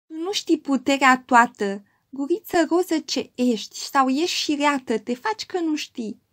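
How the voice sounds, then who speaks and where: A woman voicing a worldly young woman who teases her friend in a full, soft voice. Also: high voice, animated. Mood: teasing.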